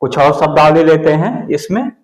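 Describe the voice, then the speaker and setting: A man teaching an exam-prep spelling lesson, going slowly and repeating each word. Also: fairly high pitch, lively intonation, roomy sound, poor audio. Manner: slow, deliberate, repeats words for the student.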